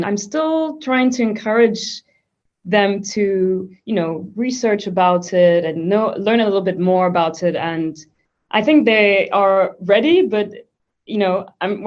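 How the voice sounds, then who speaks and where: A woman's voice: medium pitch, a little mellow. A woman from Switzerland, a guest in a conversational interview, talking thoughtfully with frequent restarts. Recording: dull lo-fi sound.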